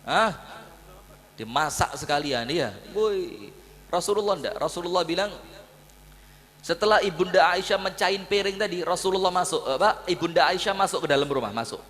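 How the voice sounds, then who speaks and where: A man with a Javanese-tinged Indonesian accent preaching a humorous sermon, acting out dialogue and telling jokes in a lively storytelling style. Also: high voice, normal speed, big-room sound.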